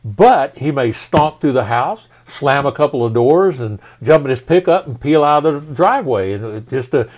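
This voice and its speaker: A man's voice: mid-range voice, expressive, normal speed, few pauses, darkish tone. Folksy pastor man explaining with questions. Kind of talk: casual teaching conversation.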